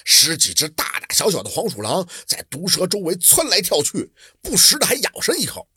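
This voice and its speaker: A male storyteller with a husky, raspy voice who tells a traditional tale with dramatic flair. His pitch sits a bit high and swings widely. The recording is dry and close. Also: moderate pace, no echo. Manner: dramatic, lively, vivid delivery.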